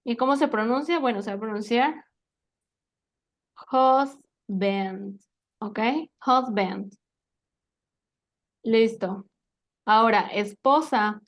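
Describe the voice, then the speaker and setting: Brief: woman, English teacher, slightly high voice, patient and quizzing, tag questions throughout. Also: slow pace, long pauses. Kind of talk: live English vocabulary lesson.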